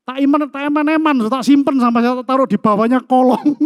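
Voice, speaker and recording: High-voiced, joking preacher. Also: male voice, fairly quick, smooth, no room sound. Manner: lively, joking preacher who acts out stories. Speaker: pastor. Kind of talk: sermon.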